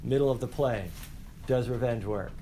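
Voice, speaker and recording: A man teaching a high school class, lively and directing students to act out a scene. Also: normal speed, slight background noise, low-quality recording.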